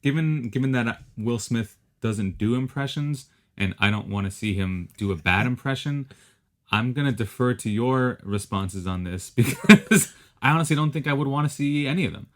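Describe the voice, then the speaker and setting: A man co-hosting a film podcast, speaking in a measured, hesitant way with ums and restarts. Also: mid-range voice. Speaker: podcast co-host. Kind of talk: casual film discussion.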